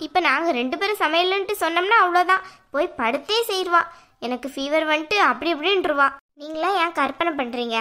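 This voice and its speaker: A woman voicing a stubborn, sharp-tongued young cartoon sister-in-law, with a Kanyakumari Tamil accent. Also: high-pitched. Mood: scolding. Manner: sarcastic, scolding.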